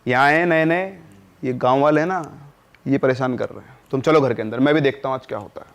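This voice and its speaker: A man's voice: medium pitch, brisk, natural voice. A man voicing a skeptical, no-nonsense father who dismisses the family's fears and scolds them. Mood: dismissive.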